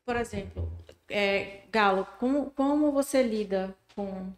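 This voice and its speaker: A woman hosting a podcast, asking soft, hesitant questions. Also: medium pitch, measured pace. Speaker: podcast host. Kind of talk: casual podcast chat. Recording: roomy, off-mic sound.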